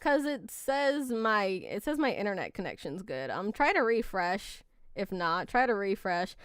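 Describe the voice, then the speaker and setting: A young woman streamer telling a story casually, animated, swearing and mocking herself as she rambles. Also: mid-range voice, unhurried, clear, resonant tone, no echo, studio quality.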